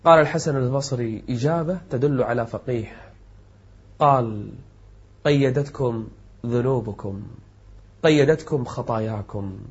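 Male preacher, emphatic sermon with chanted verses; husky tone, muffled lo-fi recording. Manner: chants verses in a slow melodic recitation; emphatic, swings from soft low tones to raised exclamations. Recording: dull lo-fi recording.

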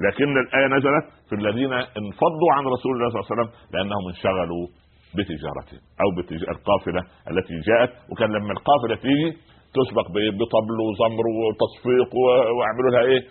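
A man's voice: fairly low pitch, animated, rapid-fire, slightly rough. A man with an Egyptian accent gives a radio Quran commentary between calls, asking himself rhetorical questions and stumbling over repeated words. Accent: Egyptian Arabic. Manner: keeps asking rhetorical "what?" questions, stammers and restarts. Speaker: radio religious scholar taking calls. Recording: narrow phone-like radio sound.

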